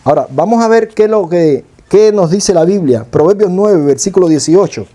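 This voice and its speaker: A man's voice: high-pitched, lively intonation, moderate pace, warm tone. A middle-aged man with a Cuban accent preaching a sermon, telling stories and asking rhetorical questions. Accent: Cuban Spanish.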